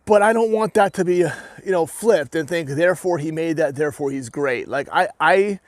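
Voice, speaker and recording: A young man with a fairly high voice and a New Hampshire accent talks at normal speed in a casual to-camera rant. An armored combat fighter from New England, he is earnest and rambling, restarting frequently and saying "right?" often, with no room sound.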